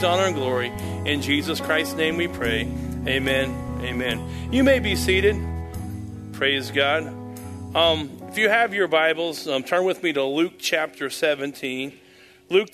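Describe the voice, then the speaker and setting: Speaking into the pulpit mic, a male pastor delivers a fervent prayer and sermon during a church service. His pitch is fairly high, and he frequently repeats himself and stalls with ums.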